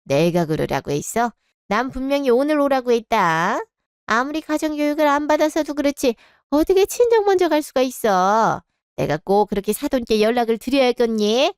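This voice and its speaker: A woman's voice: fairly high pitch, expressive, normal speed, clean tone, dry recording, clean studio sound. A woman voicing a stern, nagging older mother-in-law in a radio drama, scolding and overbearing.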